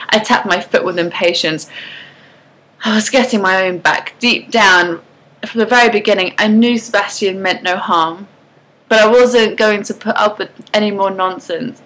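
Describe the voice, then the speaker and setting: A woman reading a first-person novel aloud in an expressive, animated storytelling manner. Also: mid-range voice, normal speed, low-quality recording. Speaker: reader of a novel.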